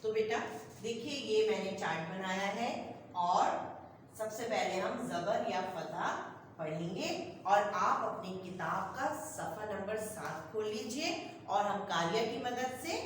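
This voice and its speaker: A woman's voice: medium pitch, lively intonation, a little hiss or hum. Woman teacher in an echoey room. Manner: patient, repeats "okay child" as she explains. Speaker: school teacher. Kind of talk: classroom lesson explaining to children. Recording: echoey classroom from far off.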